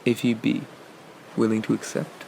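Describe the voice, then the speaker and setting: A man playing a flirty, teasing, gentlemanly pirate captain in an ASMR ASMR role-play, with gravelly, murmured delivery. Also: medium pitch, monotone, normal speed, a little hiss or hum, lightly acted, poor audio. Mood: teasing, courting. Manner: leisurely, teasing, roguish, murmured asides.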